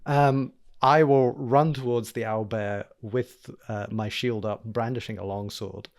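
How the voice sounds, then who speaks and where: A man chatting casually as a tabletop game player, haltingly thinking aloud about his moves. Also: medium pitch, fairly even intonation.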